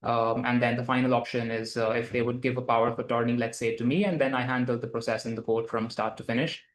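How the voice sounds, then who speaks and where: A man's voice: mid-range voice, level tone, fast talker. A man, a lawyer, answering interview questions at length, with many fillers and restarts. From Dubai. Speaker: lawyer guest. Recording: roomy echo.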